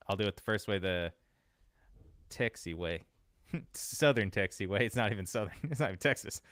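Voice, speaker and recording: A man hosting a podcast, telling a story in relaxed casual chat and laughing often. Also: on the low side, a little slow, pauses often, no room sound, studio quality. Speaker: podcast host.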